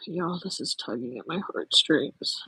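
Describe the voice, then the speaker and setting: A woman speaking casually and emotionally to the dead, halting and tender, with frequent sighs and a husky voice. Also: low voice, pushed and bright, no room sound, rough recording. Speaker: participant in a live spirit box session.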